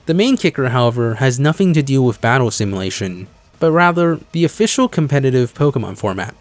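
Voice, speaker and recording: Man narrating with very lively intonation over music. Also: medium pitch. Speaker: video creator and host. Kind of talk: scripted narration, video essay commentary. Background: background music.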